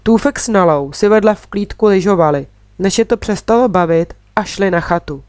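Woman audiobook reader, expressive storytelling, close dry recording. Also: medium pitch, no echo. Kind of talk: storybook narration in first person.

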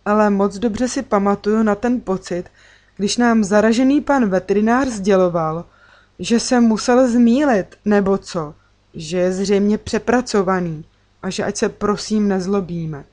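A woman narrating a children's story in the first person, in an expressive reading manner. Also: mid-range voice.

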